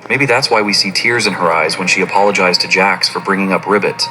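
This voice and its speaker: A man giving scripted narration of a fan theory in an even, explanatory way. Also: low voice, fast, poor audio.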